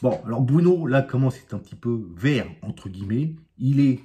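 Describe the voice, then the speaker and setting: A man from France hosts his own magic channel and tells a trick as a joking story. He speaks in a lively, sing-song way, with his voice rising and falling a lot. He adds playful sound effects and friendly asides to the viewers. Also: medium pitch, normal speed. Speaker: amateur magician, channel host. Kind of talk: jokey storytelling to camera.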